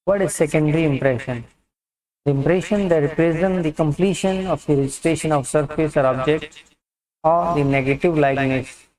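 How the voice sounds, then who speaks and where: Male instructor, methodical teaching narration, slightly high pitch, distant mic in a roomy space. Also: darkish tone. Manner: methodical step-by-step explaining. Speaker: dental instructor.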